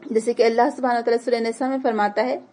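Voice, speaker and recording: A woman's voice: a little high, fairly even intonation, quick pace, mellow. Earnest woman teaching a religious class. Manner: earnest, explanatory, urging.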